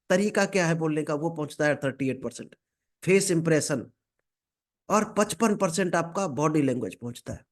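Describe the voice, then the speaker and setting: Emphatic male communication-skills trainer. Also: a little high. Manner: slow, emphatic delivery with drawn-out example phrases; addresses listeners directly and mixes in English terms. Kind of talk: instructional talk to a class.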